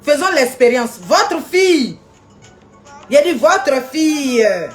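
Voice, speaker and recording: High-voiced woman scolding on a live stream. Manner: scolding, indignant, greeting viewers by name. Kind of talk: live video rant.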